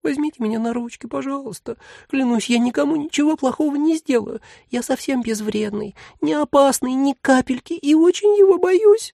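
A timid little demon cloud. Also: male voice, very high-pitched, animated, normal speed, creaky, dark tone, dry recording, studio quality, voice pushed up, heavily acted. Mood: pleading. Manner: plaintive, fawning, fearful.

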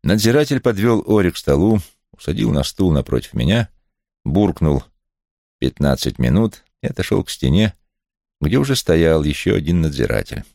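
A man's voice: low-pitched, gravelly, darkish tone, no echo, studio quality. A man reading a detective novel aloud as a wry first-person narrator. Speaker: audiobook reader.

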